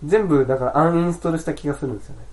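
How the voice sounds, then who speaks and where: A man's voice: a little high, very fast, background noise. A man chatting casually on a podcast, rambling and laughing easily. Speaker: podcast editor and co-host. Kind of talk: casual chat.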